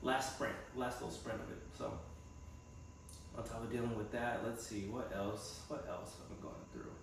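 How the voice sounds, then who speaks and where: Speaking at a moderate pace with a steady tone, a young man with a gravelly, medium-pitched voice chats casually in his personal vlog, reflecting and rambling as he works through his thoughts. He's a vlogger who studies to be a physical therapy assistant. The sound is distant and echoey, with a little noise in the background.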